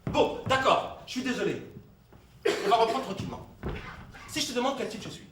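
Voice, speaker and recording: A man's voice: very high voice, animated, brisk, noisy background. A man in a comedy sketch dialogue, talking in an insistent, explaining way and laughing easily. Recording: echoey room, distant mic.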